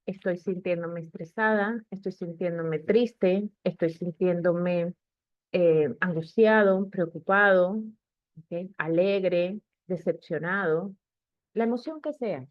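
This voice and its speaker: A woman's voice: on the low side, takes it slowly, no room sound. A woman explains parenting advice in a patient, conversational way and keeps checking in with her listeners. The sound is dry and a little dull. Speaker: parenting educator. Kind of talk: informal talk on parenting.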